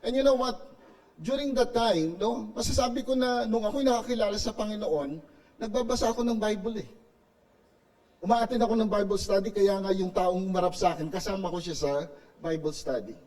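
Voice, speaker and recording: A man's voice: high voice, fairly quick, a little mellow, distant mic, rough recording. A man with a Filipino accent preaching a sermon as pastor of a church, switching between Tagalog and English and often adding a questioning "no?". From Philippines. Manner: preaching in Tagalog mixed with English, frequent tag "no?". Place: church sanctuary.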